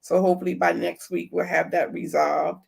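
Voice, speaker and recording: Gravelly-voiced woman hosting a podcast. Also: on the low side, level tone, brisk, a little mellow. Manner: repeats short affirmations, thanks viewers by name. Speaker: podcast host. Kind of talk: casual livestream chat.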